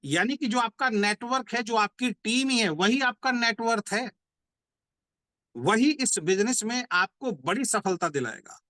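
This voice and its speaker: A man giving a motivational business training talk. He explains by repeating points and asking rhetorical questions, and says key slogans slowly. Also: extremely high pitch, expressive, pushed and bright, no room sound. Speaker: network marketing trainer.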